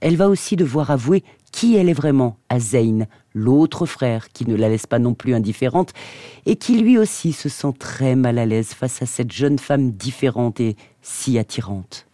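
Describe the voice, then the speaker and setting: Measured male radio reader, mellow voice. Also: medium pitch, lively intonation, no echo, clean studio sound. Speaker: radio book presenter. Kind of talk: reading a novel excerpt aloud.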